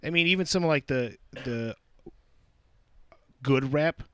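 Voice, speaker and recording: A man's voice: on the high side, unhurried, clean tone. A man co-hosting a casual podcast chat, rambling with many fillers. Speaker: podcast co-host.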